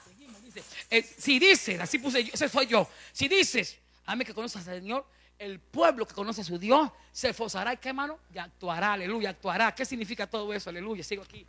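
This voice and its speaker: Preacher guy, really high bright voice, fired up, amen every other line. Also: animated, brisk. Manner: fervent, addresses congregation as brother, frequent amen and hallelujah. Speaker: pastor. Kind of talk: lively Spanish-language sermon.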